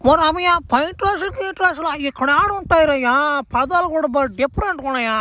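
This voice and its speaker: A woman's voice: high-pitched, fast, pushed and bright. A woman voicing a teasing alien-planet character in a crude comic cartoon.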